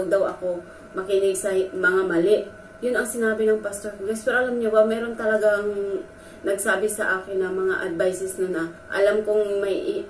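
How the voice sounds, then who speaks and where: A woman vlogger telling a personal story, earnest and emotional, talking straight to her viewers. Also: medium pitch. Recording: echoey room from a distance with faint noise.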